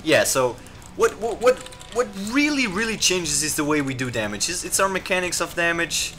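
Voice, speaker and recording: Guy doing live gameplay commentary, bouncy pitch, lots of ums and restarts, faint game music behind. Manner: rambling, full of fillers and restarts; quick excited reactions to the action.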